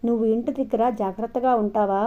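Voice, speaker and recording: A woman voicing a grieving young mother who speaks softly and haltingly, in a story reading. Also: fairly high pitch, steady tone, close to an everyday voice. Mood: gentle. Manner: soft, halting. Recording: dull lo-fi recording.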